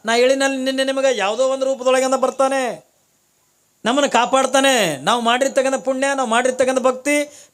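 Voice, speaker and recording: A man preaching a storytelling sermon, acting out the story's characters and repeating phrases for emphasis. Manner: voices the story's characters, rising to high-pitched loud exclamations. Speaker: religious preacher.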